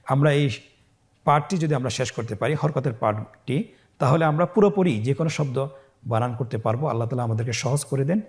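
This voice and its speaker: A man teaching Quran reading in a recorded lesson, slowly spelling out syllables and calmly guiding learners. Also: medium pitch. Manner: slow, drawn-out syllable-by-syllable spelling drills; calm, patient instructing tone.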